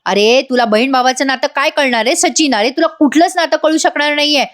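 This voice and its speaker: A protective young brother who warns and commands sternly, voiced by a woman. The voice stays high and forceful in tone. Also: fairly quick, lightly acted. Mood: threatening. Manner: threatening, commanding.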